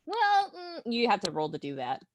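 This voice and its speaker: A woman from Oklahoma in the United States, with an American accent, guests on a casual podcast chat, talking informally and enthusiastically with some hesitation. Her voice is a little high with huge pitch swings and a moderate pace. The recording is muffled, with slight background noise.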